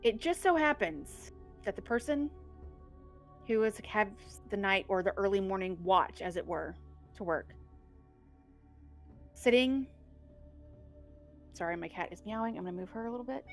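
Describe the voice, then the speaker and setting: A woman's voice: mid-range voice, expressive, normal speed, long pauses, soft background music. A woman narrating a tabletop game as game master, in a loose, rambling way with frequent restarts.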